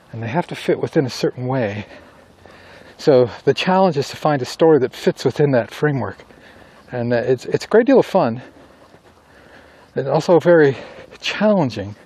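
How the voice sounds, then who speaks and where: A middle-aged man talking casually to himself in an unhurried, musing monologue, pausing as he walks outdoors. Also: medium pitch, a little mellow, husky. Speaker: writer recording an audio journal. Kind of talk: casual solo monologue while walking outdoors. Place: outdoors in falling snow, on a walk. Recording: outdoor ambient noise while walking.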